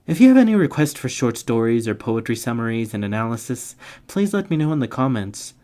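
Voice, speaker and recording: With a warm mid-range voice that swings widely in pitch, a man narrates literature summary videos at a fairly quick clip. He reads the script playfully and tongue-in-cheek, slipping in slangy comic remarks.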